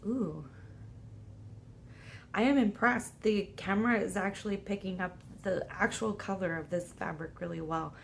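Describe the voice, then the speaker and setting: A woman with a cold and a deep, husky voice, chatting excitedly at home in a casual video. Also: moderate pace, a little hiss or hum. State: hoarse from a cold. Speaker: tarot vlogger. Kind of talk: casual chat. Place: home, sitting by a window.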